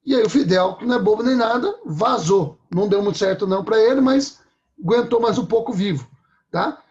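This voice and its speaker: Man, preacher, high-pitched voice, chatty sermon, muffled lo-fi recording. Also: expressive, a little fast, darkish tone. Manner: conversational, checks in with "tá?".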